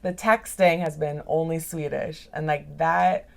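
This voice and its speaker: A young woman appears as a chatty podcast guest via video call, laughing often and saying "like" constantly in a casual interview. Her deep, slightly mellow voice has vocal fry, an unhurried pace, and fairly even intonation.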